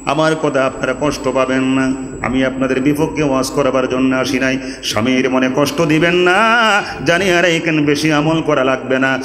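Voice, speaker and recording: A man from Bangladesh preaching to a large gathering in a raised, fairly high voice. He chants his quotations in a sing-song, climbs to ringing calls, then drops into low asides. The sound rings out with a long reverb. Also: a bit bright. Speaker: Islamic preacher. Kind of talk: sermon at an open religious gathering.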